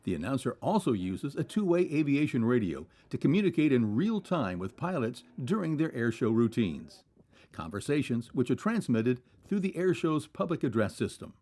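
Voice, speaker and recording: A man's voice: medium pitch, very animated, normal speed, warm tone. A man reading scripted documentary narration in a polished, explanatory way.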